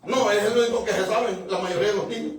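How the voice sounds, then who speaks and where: A male pastor preaching a conversational Bible sermon, often chuckling, addressing the congregation and rising to sudden shouts for emphasis. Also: high voice, fairly even intonation, quick pace, recorded from a distance, crowd noise. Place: church sanctuary. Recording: very echoey room, mic from afar.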